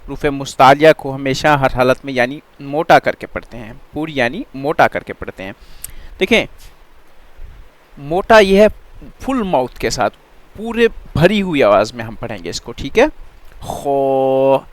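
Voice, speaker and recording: A man teaching tajweed in an online Quran reading lesson, drawing out letter sounds slowly and often checking that students follow. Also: mid-range voice, lively intonation, no echo. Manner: slow drawn-out letter drills with frequent check-ins.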